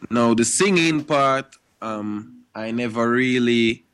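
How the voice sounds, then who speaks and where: A man's voice: medium pitch, slow, a bit bright, clear, resonant tone. A young man, a reggae and dancehall artist, answering interview questions in a laid-back way with frequent "you know" and "you understand" tags. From Guadeloupe and Switzerland.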